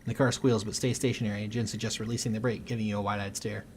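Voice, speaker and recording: A man hosting a let's play, reading game text aloud with a quick, lightly dramatic delivery. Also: lowish voice, little pitch movement, a little hiss or hum.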